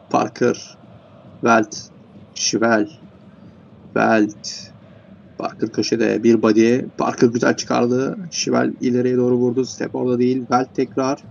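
A man's voice: mid-range voice, vocal fry, a little mellow, muffled recording, slight background noise. A man commentating an online football game, rattling off player names and rising sharply when goals go in. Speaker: play-by-play commentator. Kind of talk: esports match commentary.

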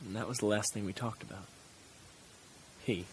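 A man with a voice on the low side plays an earnest, easily rattled teenage boy in an audio drama, talking casually and with slang. He is lightly acted, at normal speed, recounting events in the first person. Faint background noise is audible.

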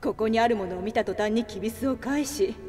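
An actress playing a sharp-tongued adult woman companion in a dubbed video game, scolding and exasperated. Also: on the high side, brisk, lightly acted. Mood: explaining. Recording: game audio with reverb and music.

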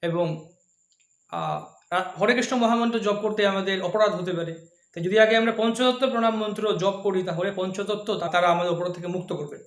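A man giving a slow, patient devotional lesson, showing each step by hand and chanting softly between explanations. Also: high voice. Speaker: devotional teacher. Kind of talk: slow spoken instruction with chanting. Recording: echoey room.

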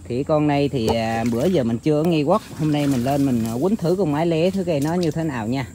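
A man talking casually to his viewers outdoors, rambling with many filler pauses. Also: on the high side, warm tone, slight background noise. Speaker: bird-trapping vlogger. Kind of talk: casual outdoor vlog narration. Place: outdoors in countryside.

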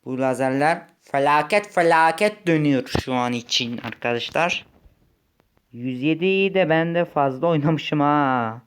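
A young man giving casual gameplay commentary, chatty, muttering when frustrated and shouting when excited. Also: a little high, a little slow, clean tone. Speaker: gaming YouTuber.

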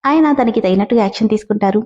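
Woman storyteller, mellow and soft-toned, steady gentle read, dull lo-fi recording. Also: mid-range voice, racing. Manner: steady, gentle reading with direct appeals. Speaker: story narrator, channel host. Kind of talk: scripted story narration.

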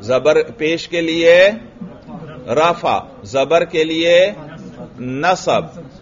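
Slow, drilling male grammar teacher. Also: fairly high pitch, animated. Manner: slow, repetitive drilling, asks questions and answers them himself. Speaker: religious teacher of Arabic grammar. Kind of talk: classroom lecture. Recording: muffled lo-fi recording with faint hiss.

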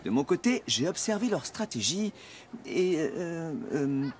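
A man's voice: a little high, very animated, a little slow, background noise. A man playing an earnest, unsure cartoon basketball coach who speaks hesitantly and plainly.

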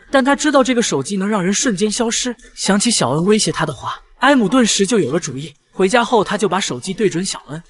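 A man's voice: sits high, fairly bright tone. A man reading scripted narration as a drama recap narrator.

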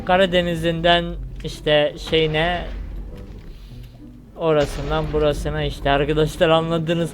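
A man's voice: fairly high pitch, little pitch movement, slow, soft background music. A young man from Turkey, with a Turkish accent, chatting casually and joking as he plays through a parkour game for his channel. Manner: chatty, joking, yelps when he falls. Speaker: gaming YouTuber. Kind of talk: casual gameplay commentary.

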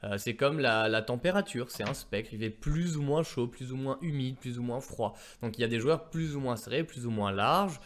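A man explaining poker concepts in a casual two-person lesson, animated and fond of everyday comparisons. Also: mid-range voice, normal speed, hardly any pauses. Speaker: poker coach.

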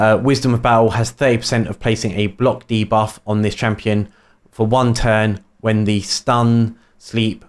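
Male gaming creator, casual guide commentary, rambling and filler-heavy. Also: on the low side. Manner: rambling, with many fillers and restarts.

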